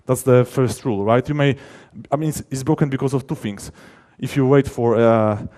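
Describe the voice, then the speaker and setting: A software developer speaking at a conference has a relaxed, mellow voice at a typical male pitch and talks at a moderate pace. He explains technical topics informally, stressing key words. He frequently stops mid-sentence and starts again to rephrase.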